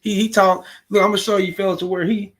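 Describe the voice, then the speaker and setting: A man's voice: high-pitched, little pitch movement, fast talker, fairly bright tone, a little hiss or hum. A man in his forties giving blunt, profane, rambling street-style commentary on a stream. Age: 40s. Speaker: streamer reacting to a video.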